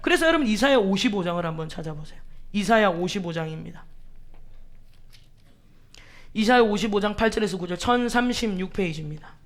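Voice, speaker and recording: A woman's voice: medium pitch, lively intonation, a little fast, long pauses. Emphatic woman pastor preaching. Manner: emphatic, asks the congregation rhetorical questions; acts out quoted pleas dramatically. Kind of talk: sermon.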